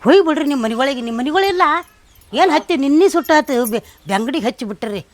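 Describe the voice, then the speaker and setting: A woman playing a bossy scolding mother-in-law, high voice. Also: lively intonation, fast. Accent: North Karnataka Kannada. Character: scolding mother-in-law, middle-aged woman, sharp-tongued. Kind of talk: village comedy skit. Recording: noisy crowd behind.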